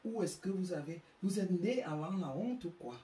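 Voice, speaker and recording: A woman's voice: lowish voice, lively intonation, moderate pace, dark tone. A woman from Africa giving a public talk to parents, emphatic and scolding, often stumbling and repeating words as she searches for them. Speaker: speaker on parenting. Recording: echoey room, distant mic.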